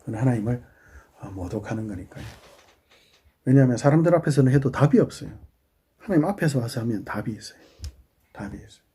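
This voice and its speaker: A middle-aged man, a pastor giving a sermon in a conversational way, asking the congregation questions and dropping into quiet asides. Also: mid-range voice, lively intonation, fast talker, pauses often, breathy edge.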